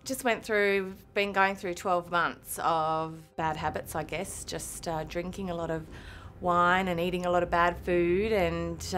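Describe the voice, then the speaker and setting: A woman's voice: fairly low pitch, a bit bright. A woman with an Australian accent, a married mum speaking in an interview, thoughtful and a little hesitant. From Sydney, Australia. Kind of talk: interview testimony.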